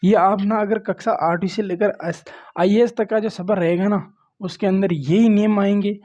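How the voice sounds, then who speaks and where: A man's voice: sits high, fairly even intonation, moderate pace, darkish tone, highs cut off. A man teaching grammar at a board, often saying "look" and "okay" to his students. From Rajasthan. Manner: repeats "देखो" and "ठीक है", coaxing and plain. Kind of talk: classroom lecture at a board.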